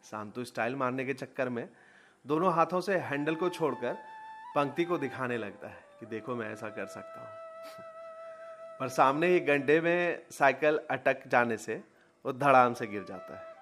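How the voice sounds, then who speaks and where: A man narrating a children's story in an expressive storytelling style, with music behind. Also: medium pitch, normal speed.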